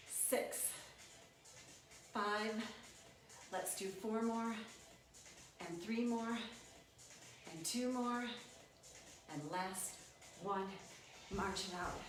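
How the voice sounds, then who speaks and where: Echoey, slow-cueing woman aerobics instructor. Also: medium pitch. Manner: encouraging, coaching in short cues. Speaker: aerobics instructor leading a workout. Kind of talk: instructional workout cueing with counts. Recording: echoey room, distant mic, music behind. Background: workout music.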